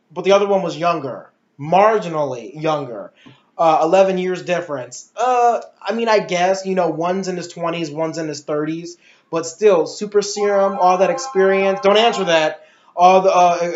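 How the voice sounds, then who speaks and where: A high-pitched male movie reviewer offers casual, opinionated film commentary, ranting emphatically and asking rhetorical questions. Slight background noise sits under the muffled, echoey room recording.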